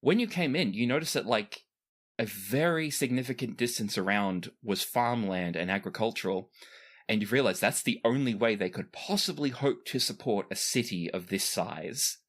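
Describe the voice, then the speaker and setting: This is the game master of a tabletop role-playing podcast, a man with a lowish voice and a moderate pace. He narrates the game conversationally, explaining things and drifting into chatty asides.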